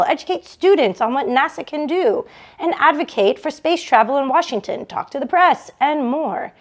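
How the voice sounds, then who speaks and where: Reading a novel aloud to an online audience, a woman hosts a book club read-along with expressive delivery. Her pitch sits fairly high.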